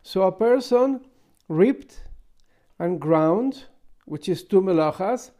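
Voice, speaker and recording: A man's voice: sits high, animated, slow pace, warm tone. A man with giving an informal Talmud lesson, explaining step by step with rhetorical questions and asides. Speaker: Talmud teacher.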